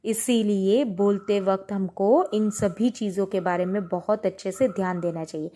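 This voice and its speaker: A woman's voice: mid-range voice, steady tone, moderate pace, dark tone. A woman teacher explaining a textbook lesson, patiently reading example sentences aloud with stress on different words. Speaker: Hindi teacher.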